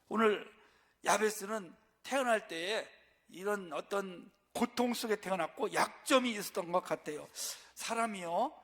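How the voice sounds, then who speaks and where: Pastor, male, higher voice, preaching from the pulpit and answering his own questions, long church echo. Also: fairly bright tone, slightly rough. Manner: asks rhetorical questions and answers them. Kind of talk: sermon. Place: church sanctuary.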